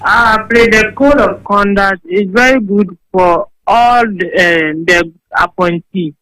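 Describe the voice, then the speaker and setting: A woman's voice: mid-range voice, takes it slowly, fairly bright tone, no echo. Hesitant woman caller, clipped phone line, dry and close. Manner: hesitant, with many fillers. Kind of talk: call-in comment.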